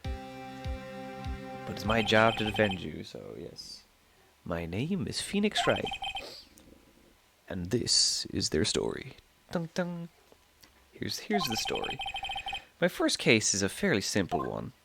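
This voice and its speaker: A rookie lawyer narrating his first case, voiced by a man in his own deep voice with dry, mock-dramatic emphasis. Loud game music plays behind. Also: huge pitch swings, slow pace, vocal fry, long pauses, heavily acted. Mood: deadpan. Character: earnest young male rookie lawyer narrating. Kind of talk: reading game dialogue aloud while playing.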